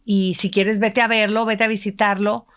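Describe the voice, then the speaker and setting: Speaking at normal speed in a mid-range, level, slightly bright and clean voice, a middle-aged mother who co-hosts a podcast recounts a personal story in an intimate conversation. She's emotional and reflective, acting out the voices of those she quotes.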